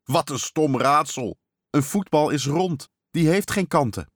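A man's voice: medium pitch, big pitch swings, normal speed, no room sound, pitched above the performer's own voice. A man voicing a young boy in a storybook, speaking in indignant, whiny protests. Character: young boy, grumpy football fan. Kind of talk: storybook character voice.

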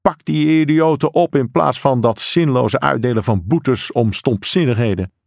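A man voicing an enraged middle-aged father who shouts and swears at a policeman. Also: medium pitch, normal speed, gravelly, no echo, clean studio sound, close to an everyday voice.

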